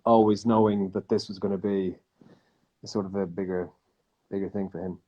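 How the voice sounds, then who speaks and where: A man's voice: low voice, steady tone, a little fast, dull audio. A man answering interview questions as a voice actor guest, modest and easygoing, heard over a video call.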